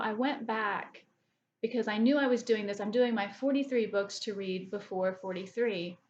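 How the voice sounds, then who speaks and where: A woman in her forties chatting casually to camera as a book vlogger, rambling along with frequent restarts and fillers. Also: mid-range voice. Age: 40s. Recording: slightly dull lo-fi audio.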